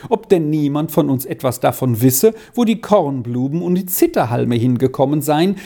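A reader voicing an excitable, flustered young governess pouring out an explanation. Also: mid-range voice. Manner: breathless, agitated.

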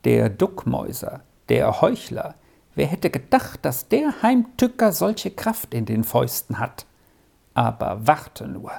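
Reader doing a furious shouting schoolboy bully. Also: high-pitched, expressive, takes it slowly, voice pushed up, exaggerated voice. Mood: grim muttering. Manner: shouting, threatening. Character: furious bullying older schoolboy, hot-tempered. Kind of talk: audiobook reading.

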